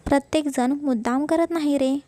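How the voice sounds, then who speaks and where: A woman voicing a patient, gentle elderly grandmother in a read-aloud story, speaking in a soothing, persuasive way. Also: high voice, normal speed, dry recording, lightly acted. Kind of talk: storybook narration.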